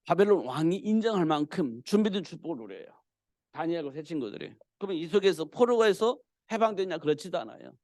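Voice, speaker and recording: A male pastor preaching a sermon in a church, telling the story with animated delivery. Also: sits high, no room sound, studio quality. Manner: animated storytelling, acting out the king's cries.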